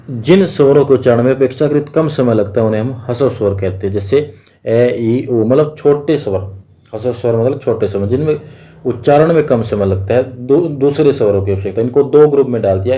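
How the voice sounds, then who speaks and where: A man's voice: mid-range voice, warm tone. A man teaching an exam-prep grammar lesson, asking questions and answering them himself, repeating each key point.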